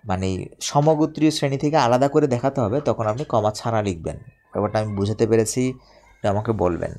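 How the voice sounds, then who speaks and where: A man teaching English grammar in a live online lesson, explaining slowly and repeating himself while checking that viewers follow. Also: mid-range voice, darkish tone. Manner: repetitive, explains step by step, asks viewers to confirm.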